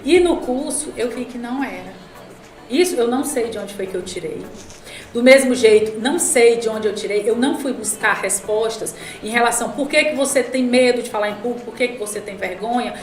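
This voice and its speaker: A woman from the Northeast, a lawyer in her forties, telling a story as a guest, animated and acting out the dialogue. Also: on the high side, fairly quick. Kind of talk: casual podcast chat. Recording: echoey room, soft music behind.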